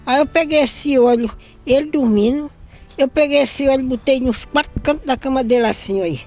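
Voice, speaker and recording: A woman's voice: high voice, normal speed, a little mellow, soft background music. An older woman from northeastern Brazil giving an emotional religious testimony about her son, often repeating herself and quoting others.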